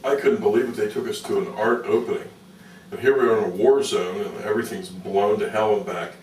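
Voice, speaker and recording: Man, radio interview guest, deep voice, halting conversational storytelling, echoey room. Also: fairly even intonation, a little mellow. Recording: roomy, noisy, distant-mic radio interview.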